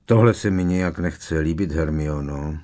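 A man's voice: extremely low pitch, mellow. A man reading a wary, dry teenage boy wizard.

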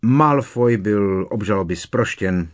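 Reading an audiobook, a man with a low, husky, expressive voice takes on the role of a defensive middle-aged minister. The character argues indignantly in an agitated, raised voice.

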